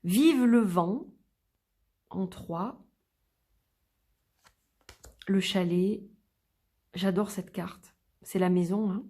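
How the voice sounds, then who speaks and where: A woman reviewing an oracle card deck in a gentle, admiring way, reading the booklet aloud and naming each card. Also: medium pitch, extremely slow, long pauses. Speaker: card reader presenting a deck. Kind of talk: unboxing and review.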